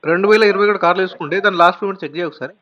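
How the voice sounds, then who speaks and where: A man's voice: high-pitched, very fast, sharp tone, dry recording. A man in debt arguing on a phone call with a recovery agent, mocking him and cutting in again and again. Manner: sarcastic, mocking, keeps cutting in. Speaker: customer with a credit card debt. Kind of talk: heated phone argument. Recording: muffled phone call recording.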